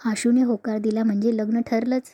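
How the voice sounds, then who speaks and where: A woman's voice: fairly high pitch, little pitch movement, brisk, mellow, lightly acted. A woman voicing a confident older matriarch who takes charge of the family. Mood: pleased. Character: commanding elderly family matriarch.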